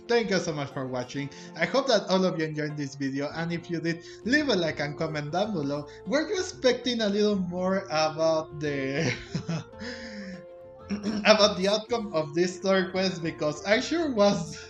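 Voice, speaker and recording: A man with a fairly high voice hosts a gameplay video, offering casual let's play commentary that's hesitant as he searches for his words. The audio is reverberant.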